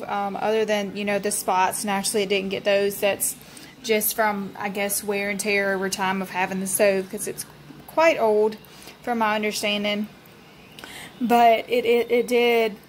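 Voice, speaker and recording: A home vlogger with a mid-range voice chats away about a cleaning product in her kitchen, holding her phone at arm's length. She's friendly and casual, dropping lots of ums, and there's a bit of background noise.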